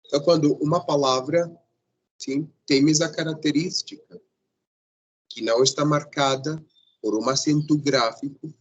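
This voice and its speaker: A male teacher giving a grammar lesson, patient and repetitive, often pausing to check that the class follows. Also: on the high side, steady tone, highs cut off.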